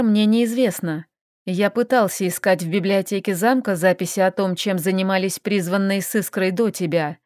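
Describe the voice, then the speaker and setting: A woman voicing a calm, teasing male elf in an audiobook, speaking a little lower and steadier than her narration. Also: no room sound, clean studio sound, natural voice.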